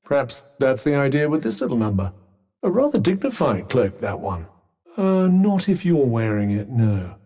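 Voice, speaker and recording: Cuff, a wry talking bracelet. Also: male voice, mid-range voice, very animated, moderate pace, warm tone. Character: sardonic talking magic bracelet, male, dry-witted. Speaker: game character.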